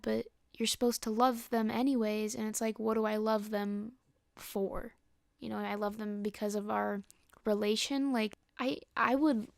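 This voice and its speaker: A young woman hosting a podcast, talking frankly and casually with quick asides and acted-out quotes. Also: mid-range voice, gravelly, a little mellow, no echo, clean studio sound. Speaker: podcast host. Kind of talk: solo casual podcast rant.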